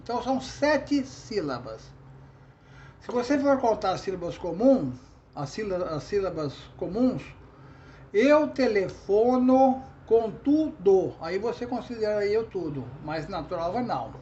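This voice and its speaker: A man from Brazil giving an informal lesson on writing verse, slowly and patiently counting out syllables. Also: high-pitched, sing-song, darkish tone, muffled recording, slight background noise. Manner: slow, patient, spells out syllables. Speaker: poetry teacher.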